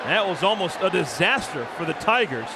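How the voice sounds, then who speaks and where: High-pitched male football play-by-play announcer. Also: big pitch swings, moderate pace, heavy background noise. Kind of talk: live American football commentary.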